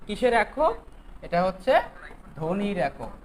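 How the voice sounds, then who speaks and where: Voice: medium pitch, sing-song, a little slow, rough recording. Teacher quizzing students. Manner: quizzes students, keeps asking "okay?". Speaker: grammar teacher. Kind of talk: online exam-prep lesson.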